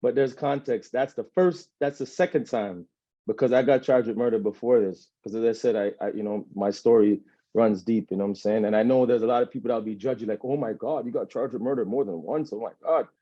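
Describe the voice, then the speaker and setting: With a mellow mid-range voice and a slightly quick delivery, a Jamaican-accented man in his thirties rambles through a personal account as an interview guest, often asking "you know what I'm saying". It's a dry, dull lo-fi recording.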